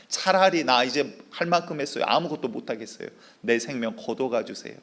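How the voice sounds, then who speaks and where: A pastor acting out a fiery male prophet of old, shouting defiance and then pleading in anguish. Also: medium pitch, vocal fry.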